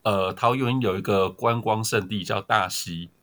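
Teasing low-voiced Taiwanese co-host man. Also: fairly even intonation, normal speed, fairly bright tone. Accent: Taiwanese Mandarin. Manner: dry teasing banter. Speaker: podcast co-host. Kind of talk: casual sports podcast chat.

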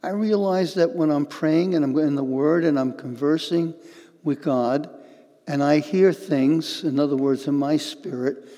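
An older man preaching a sermon as pastor, earnest and halting, often repeating words as he goes. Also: on the high side, warm tone, big-room sound.

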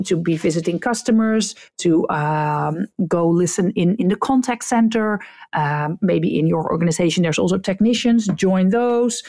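Hosting her solo podcast, this Dutch customer experience coach speaks to leaders with frank, no-nonsense advice in her Dutch-accented English, Dutch being her native tongue. Her pitch is fairly low, warm in tone, with vocal fry.

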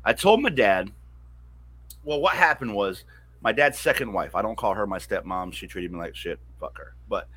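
Man, guest storyteller, frank and salty-mouthed, bright forceful tone. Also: on the low side, expressive, normal speed, husky. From American South, mountains. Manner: candid, profane, restarts often. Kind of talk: personal storytelling in conversation.

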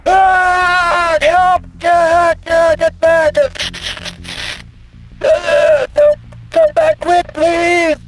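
A man voicing a terrified female crew member who screams for help over a radio comms channel, shrill and panicked. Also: drawn-out words, a bit bright, soft background music, exaggerated voice, low-quality recording. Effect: heard over a radio comms channel. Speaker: game master. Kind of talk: voicing a character in a tabletop game.

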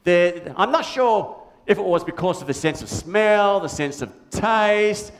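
Man voicing a puppet, Australian accent, childish, toy-mad, easily confused, high voice, church kids' show. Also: expressive, measured pace. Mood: cheeky confused. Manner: bouncy, silly, easily confused, sings. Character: cheeky puppet named Big Red, childish and toy-mad.

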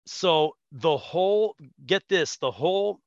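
A man's voice: on the high side, takes it slowly, no echo, muffled recording. A man co-hosting a podcast, telling a story in casual chat and laughing often. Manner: animated, laughs often, acts out quotes. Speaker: podcast co-host.

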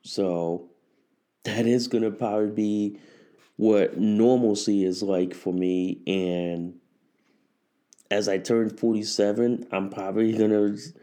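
This podcast host, a man in his forties, has a fairly low, mellow voice. Hosting alone and casually, he rambles, repeats himself, and keeps restarting phrases.

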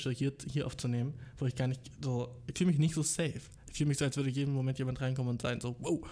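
A man's voice: medium pitch, darkish tone. A young man telling a rambling, casual story alone indoors, full of fillers and English slang.

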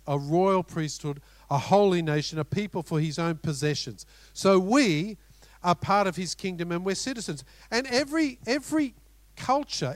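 A middle-aged Australian man preaching a sermon as pastor, animated, with rhetorical questions and storytelling asides. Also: high-pitched, no echo.

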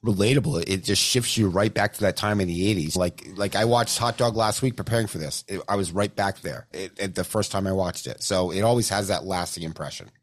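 A man's voice: low-pitched, a little fast, few pauses. A man hosting a podcast, asking questions in an enthusiastic, conversational way. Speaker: podcast host. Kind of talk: casual interview.

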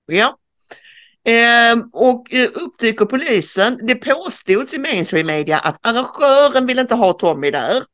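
A woman's voice: fairly high pitch, animated, fairly bright tone. A woman co-hosting a casual news commentary podcast, recounting events with frequent hesitations and fillers. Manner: hesitant, many filler sounds. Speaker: podcast co-host.

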